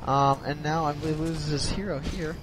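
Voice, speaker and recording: Brief: slightly high-voiced man, drowsy, halting replay commentator. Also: fairly even intonation, over music, rough recording. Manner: hesitant, many ums and restarts. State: sleepy, yawning. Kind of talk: casual strategy game replay commentary.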